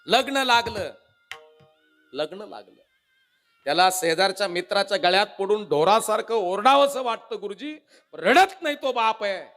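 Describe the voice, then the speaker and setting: Emotional preacher. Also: male voice, high voice, animated, normal speed, soft background music. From Maharashtra. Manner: dramatic, emotional, swings between loud and hushed; addresses the audience directly. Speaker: kirtan preacher. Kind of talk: humorous devotional sermon.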